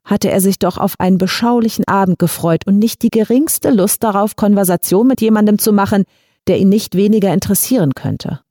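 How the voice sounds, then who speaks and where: A woman reading a short story aloud in a measured, even storytelling manner. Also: medium pitch, no echo, studio quality. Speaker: audiobook reader. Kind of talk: scripted story narration.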